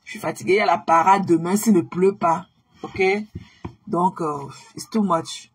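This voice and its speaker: A woman's voice: fairly low pitch, steady tone, normal speed, slightly rough. A tired woman chatting casually to her viewers on a live stream, repeating herself and slipping English phrases into her talk.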